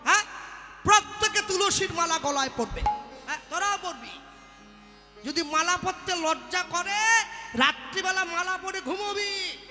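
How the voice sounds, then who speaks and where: Guy preaching, asks the crowd questions, acts out little dialogues, very high voice, long hall echo. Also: measured pace. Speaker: kirtan singer and preacher. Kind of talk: devotional sermon with acted asides. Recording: live hall reverb with faint music.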